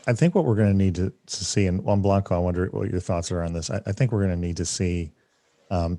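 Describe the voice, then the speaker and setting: A man hosting a casual livestream discussion, rambling with many fillers and restarts, his voice deep from having just woken up. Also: warm tone, no echo. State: just woke up, deep morning voice. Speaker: summit host.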